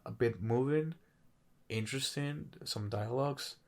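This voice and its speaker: A man's voice: mid-range voice, measured pace. A man co-hosting a film podcast, talking casually and rambling, swearing often and laughing between thoughts. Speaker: podcast co-host. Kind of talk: casual chat.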